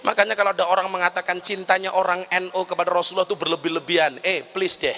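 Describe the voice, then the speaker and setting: A man's voice: high voice, steady tone, fast talker, bright, forceful tone. A middle-aged man preaching a humorous sermon, full of joking asides. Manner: joking asides, then chanting and singing verses.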